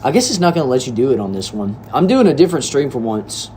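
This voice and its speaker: Talking quickly with big swings in pitch, a young Texan man of nineteen reads viewer comments on his livestream from an indoor room. His medium-pitched voice is a little mellow, his manner laid-back and chatty as he greets people with "bro" and "y'all," and there's a slight hiss or hum.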